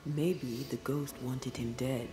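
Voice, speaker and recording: An actor playing a wry, observant ghost-hunting companion in a video game, speaking dryly and deliberately. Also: male voice, medium pitch, steady tone, over music, natural voice. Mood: wry, deducing. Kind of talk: dramatic video game acting.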